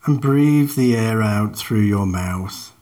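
Slow-paced man guiding a meditation. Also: on the low side. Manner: calm, measured, unhurried instruction with long pauses. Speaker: meditation guide. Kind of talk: guided meditation narration.

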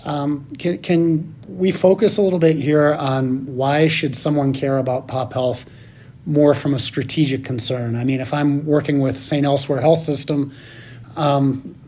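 Higher-pitched male podcast host. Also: fairly even intonation, unhurried, a little mellow. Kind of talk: conversational interviewing.

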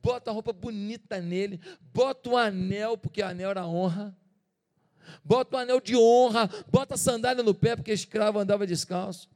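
A man's voice: high-pitched, expressive, normal speed, creaky, pauses often. A man voicing a loving father who welcomes his son back, speaking tenderly. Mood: joyful. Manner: tender and warm-hearted. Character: loving, joyful old father. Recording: reverberant church hall.

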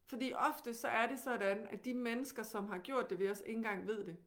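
Calm Danish woman with a fairly high voice. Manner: calm, gently guiding, with many questions. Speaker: teacher. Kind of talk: teaching.

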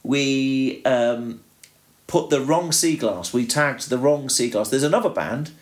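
A man's voice: mid-range voice, unhurried. A man from the UK co-hosting a podcast in casual chat, rambling along with restarts and fillers. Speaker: podcast co-host.

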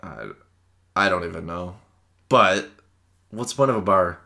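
A young man from Canada with a fairly low voice, co-hosting a laid-back podcast. He jokes around, laughs a lot and swears casually as he reads out odd facts. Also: unhurried, gravelly, pushed and bright. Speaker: podcast co-host. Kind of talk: casual chat.

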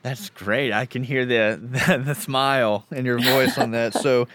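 A man's voice: medium pitch, steady tone, unhurried, fairly bright tone, a little hiss or hum. A man interviewing a graduate, upbeat and encouraging, often repeating his phrases.

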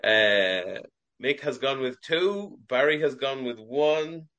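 Over a video call, a male quiz master with a mid-range voice runs a sports quiz. He reads every question at a measured, steady pace and keeps score in a plain manner.

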